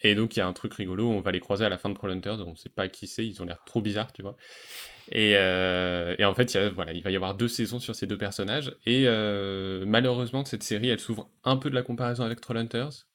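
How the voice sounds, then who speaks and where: A man hosting a relaxed podcast conversation, talking enthusiastically about animated series with frequent fillers and restarts. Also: lowish voice, fast talker. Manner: enthusiastic, hesitant with many fillers. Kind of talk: casual chat.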